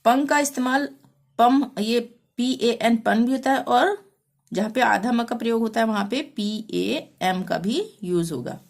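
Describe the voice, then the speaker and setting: A woman teaching a language lesson, reciting syllables one by one and calmly explaining how each is spelled and pronounced. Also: on the high side, a little slow, creaky. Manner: patient and methodical, spelling out sounds one by one.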